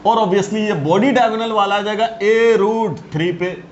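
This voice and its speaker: In a high, unhurried voice with fairly even intonation, a male chemistry teacher delivers a classroom lecture. He keeps checking in with students through questions, addressing them as "beta," in a dull lo-fi recording with faint hiss.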